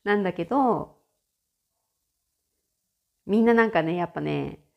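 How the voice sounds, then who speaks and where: A woman's voice: on the low side, unhurried, gravelly, dull audio. A woman hosting a casual solo audio chat, chatty and often laughing. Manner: chatty, frequent laughter, animated shifts in tone. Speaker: podcast host.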